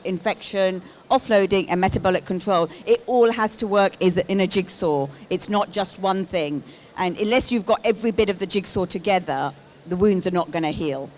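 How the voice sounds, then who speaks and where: A woman's voice: mid-range voice, a little mellow. A middle-aged woman giving a live presentation on a handheld microphone as a lead clinician. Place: exhibition stand in a large busy indoor hall. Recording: live hall with clear background noise.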